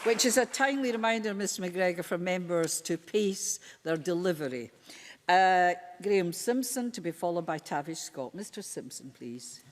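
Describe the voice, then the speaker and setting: A woman's voice: fairly low pitch, expressive, normal speed. A woman making formal chairing remarks as presiding officer of a parliamentary debate. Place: large parliamentary debating chamber. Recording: echoey hall with long reverb.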